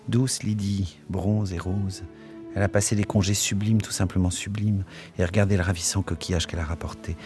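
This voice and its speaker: Deep-voiced man reading literature. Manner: measured, expressive. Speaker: audiobook narrator.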